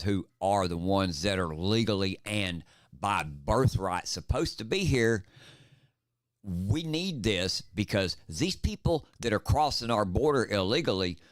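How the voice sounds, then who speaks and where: Emphatic low-voiced podcast host. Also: male voice, no echo, clean studio sound. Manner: emphatic, impassioned ranting. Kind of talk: political talk podcast.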